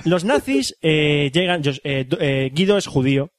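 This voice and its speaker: A man's voice: fairly high pitch, sing-song, normal speed, no echo, studio quality. A man hosting a casual chat, retelling a film's story with many fillers and restarts. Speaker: podcast host. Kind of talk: casual chat about a film.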